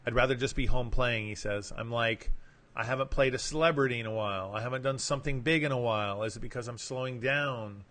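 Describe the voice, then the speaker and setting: A man's voice: mid-range voice, quick pace, a bit bright. Man reading an article on his podcast. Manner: reads aloud, adds casual asides. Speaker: podcast host. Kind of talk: reading an article aloud with asides. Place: home setup, broadcasting live.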